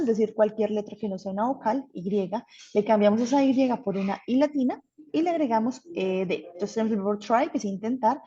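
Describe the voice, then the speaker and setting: Woman, English teacher, patient, dark breathy voice, dull lo-fi sound. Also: mid-range voice. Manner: patient, checks in with "¿listo?". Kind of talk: online class explaining grammar.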